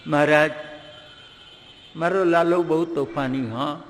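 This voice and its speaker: A man's voice: a little high, fairly even intonation, slow, in a large hall. A man voicing a doting mother who fusses over her guest and complains about her mischievous child. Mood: fussing. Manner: pleading, fussing.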